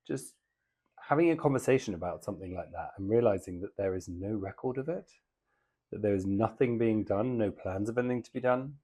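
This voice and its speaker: A man's voice: fairly low pitch, darkish tone. A man hosting a podcast, chatting casually and enthusiastically while reading out listener mail. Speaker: podcast host.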